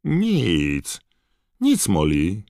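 A man doing a furious wizard father, gravelly. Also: low voice, huge pitch swings, drawn-out words, no room sound, studio quality, pitched above the performer's own voice, heavily acted. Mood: flustered. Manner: shouting, scolding. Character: angry middle-aged wizard father, stern.

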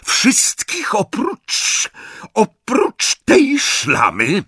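A man voicing a fierce, unhinged witch with a shrill, screeching voice and manic, domineering commands. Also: wildly swooping pitch, extremely slow, fairly bright tone, slightly rough, dry recording, studio quality, exaggerated voice. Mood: shrieking commands.

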